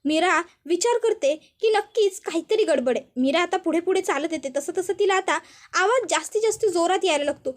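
A woman storyteller retelling a serial episode in a steady, linking style. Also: extremely high pitch, brisk. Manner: steady, connective narration.

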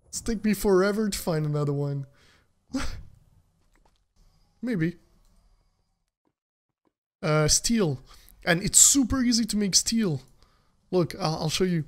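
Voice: medium pitch, lively intonation, slow pace, pauses often. A game streamer giving casual, chatty commentary to viewers while playing, laughing often.

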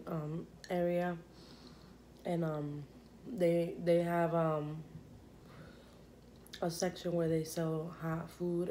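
A woman's voice: fairly low pitch, mellow, a little hiss or hum. A young woman chatting casually while eating on camera, rambling with lots of fillers and talking with her mouth full. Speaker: vlogger.

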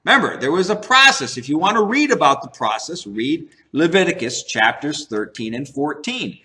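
A man's voice: fairly high pitch, sing-song, moderate pace, pushed and bright. A man giving expository Bible teaching, earnest and emphatic, often repeating and restarting his phrases.

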